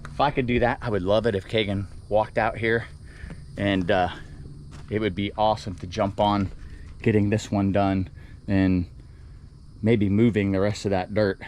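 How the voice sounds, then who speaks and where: An animal keeper hosting a vlog outdoors by animal enclosures narrates casually as he works, out of breath from the labor. His voice is on the low side and a little mellow, level in tone, at a moderate pace with long pauses, and the recording carries a little hiss or hum. He rambles, explaining things as he works.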